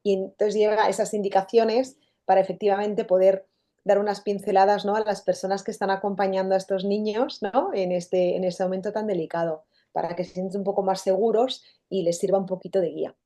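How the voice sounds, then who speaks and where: A woman, a guest author talking in an interview, animated and often acting out quoted dialogue. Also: medium pitch, fairly quick. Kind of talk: conversational interview.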